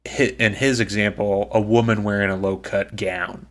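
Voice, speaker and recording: Give me a man with a fairly low voice, casually recapping a book on a podcast, chatty and joking. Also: fairly even intonation, normal speed. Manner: chatty and joking, many ums. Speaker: podcast co-host.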